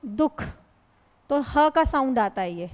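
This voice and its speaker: High-voiced woman teaching Hindi grammar. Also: lively intonation, slow pace. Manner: patient, addresses students as "beta", explains by asking questions. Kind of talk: classroom lecture. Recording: long hall reverb.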